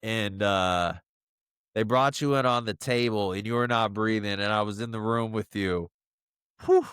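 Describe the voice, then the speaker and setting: A man recording a personal video message to his young son, halting and emotional, choked up and full of fillers. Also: on the low side, fairly even intonation, a bit bright, clear, resonant tone, no echo, clean studio sound.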